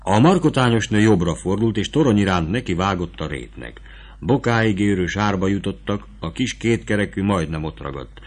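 A man reading a novel aloud as a narrator, in a steady, measured storytelling voice. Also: low-pitched.

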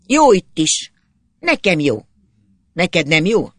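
A reader voicing a lively, teasing peasant girl who coaxes and chides in a bright, cheerful way. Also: medium pitch, no room sound. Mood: coaxing teasing.

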